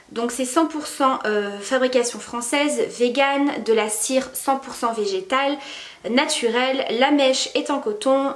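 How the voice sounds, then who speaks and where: A woman's voice: a little high, echoey room. A woman giving a casual, chatty beauty product review with many fillers and restarts. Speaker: beauty vlogger.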